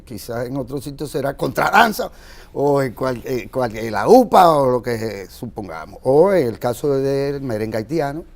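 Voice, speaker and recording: A Dominican man moderating a panel, asking questions in a measured way with hesitant fillers. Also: mid-range voice. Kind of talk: panel discussion.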